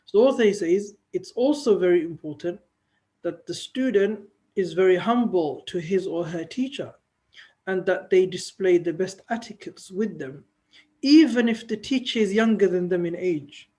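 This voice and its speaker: High-voiced man teaching a religious lesson. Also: animated, a little mellow. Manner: reads classical Arabic quickly, then explains in English with pauses and fillers. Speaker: Islamic teacher. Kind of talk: religious lesson, reading and explaining a text. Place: Islamic centre.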